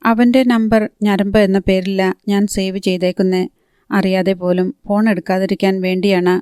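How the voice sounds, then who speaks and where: A woman's voice: mid-range voice, level tone, moderate pace, darkish tone, clear, resonant tone, no echo, clean studio sound, close to an everyday voice. A woman voicing a breezy young woman who talks in a light, teasing way. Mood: amused.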